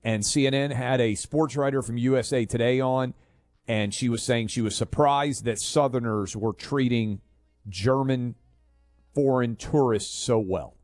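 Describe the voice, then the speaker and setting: In a radio studio, a man hosting a talk show speaks unhurriedly at medium pitch with a darkish tone. He's opinionated and conversational, using fillers and restarting sentences. His studio mic gives studio-quality audio with no room sound.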